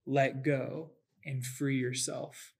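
A man's voice: mid-range voice, little pitch movement, takes it slowly, husky. Thoughtful man explaining an illustration. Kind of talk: casual faith discussion.

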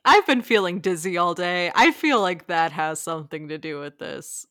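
A woman's voice: fairly low pitch, lively intonation, normal speed, fairly bright tone, no echo, clean studio sound. A young woman co-hosting a casual podcast, rambling with lots of filler words and frequent giggles. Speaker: podcast co-host.

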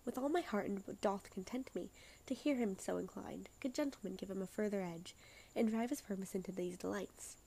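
Woman reading a measured stately king, mellow and husky. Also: mid-range voice. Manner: slow measured verse reading.

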